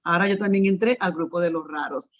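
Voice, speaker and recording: A woman's voice: lowish voice, fast, dull audio. A woman preaching a sermon with personal testimony. She speaks earnestly, builds her points by repeating phrases and turns to her listeners with direct asides.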